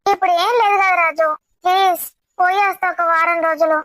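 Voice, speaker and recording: A woman's voice: very high voice, fairly even intonation, brisk, fairly bright tone, dry recording. A woman, acting in an amateur family comedy drama as a young wife who keeps pleading with her husband to let her visit her mother. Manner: whiny, insistent, pleading.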